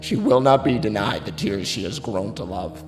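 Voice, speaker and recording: In a classical tragedy, an actor plays a grief-stricken, wavering drunken nobleman, lamenting theatrically with anguished weeping. His fairly low voice is expressive, at normal speed, and close to an everyday voice. Long hall reverb surrounds him, with music underneath.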